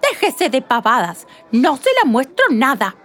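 A woman voicing a stubborn, hurried shopper in a read-aloud play, pushing her words out with emphasis. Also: high-pitched, wildly swooping pitch, a bit bright, faint music behind, heavily acted. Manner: stubborn, rises to emphatic outbursts.

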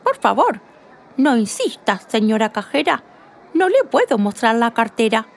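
A woman voicing a stubborn, hurried shopper in a read-aloud play, pushing her words out with emphasis. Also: fairly high pitch, big pitch swings, a little hiss or hum. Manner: stubborn, rises to emphatic outbursts.

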